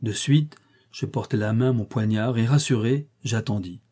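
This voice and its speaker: Reading a classic short story in the first person, this male audiobook narrator takes a measured, literary approach. His medium-pitched voice carries a dark warmth and a husky grain.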